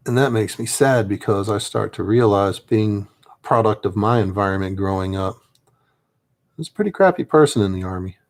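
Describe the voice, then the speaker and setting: A man's voice: fairly low pitch, normal speed. A man chatting casually and reflectively as he paints miniatures, rambling and trailing off at times. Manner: rambling, soft-spoken, trails off. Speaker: miniature painter and army veteran.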